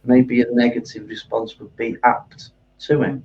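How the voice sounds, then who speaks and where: A man's voice: medium pitch, level tone, a little slow, recorded from a distance, highs cut off. A man speaking as a guest in a casual interview, hesitant and often repeating his words.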